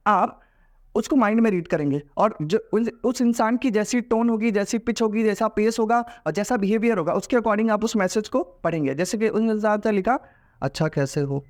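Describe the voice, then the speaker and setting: A man with an Indian accent teaching a lesson in a casual, explanatory way, mixing Hindi and English. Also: high-pitched. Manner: explanatory, mixes Hindi and English, acts out example voices.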